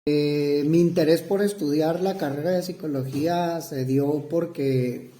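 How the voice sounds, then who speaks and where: Un hombre mexicano de unos cuarenta años, psicoterapeuta, que responde una entrevista con titubeos, muletillas y frases que vuelve a empezar. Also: male voice, a little high, fairly even intonation, dark tone, slight background noise. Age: 40s. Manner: halting, many fillers and restarts. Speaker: psychotherapist interviewee. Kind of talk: hesitant interview answers. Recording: roomy echo.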